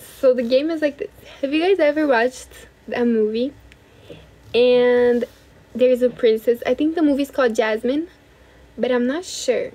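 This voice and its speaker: A woman's voice: on the high side, darkish tone. A young woman from Brazil in her late teens, hosting a casual livestream from a bedroom into a phone held at arm's length, chatting with viewers and thanking them often. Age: young adult. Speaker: livestream host.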